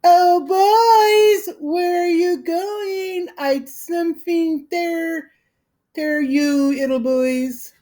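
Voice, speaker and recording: A woman voicing a boy pretending to be crazy, screeching and mocking in a shrill sing-song. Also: fairly even intonation, extremely slow, dark tone, heavily acted. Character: manic boy acting crazy, high and shrill.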